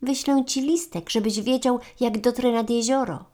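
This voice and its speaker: A woman voicing a young female marmot in a storybook, eager and dreamy, talking high and excitably. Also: moderate pace, natural voice. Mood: excited, eager.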